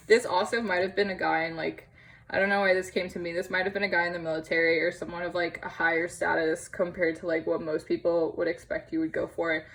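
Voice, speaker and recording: A woman's voice: lowish voice, poor audio. A young woman giving a casual tarot reading to camera, chatty and empathetic, with many fillers and small laughs. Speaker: tarot reader. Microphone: camera on tripod.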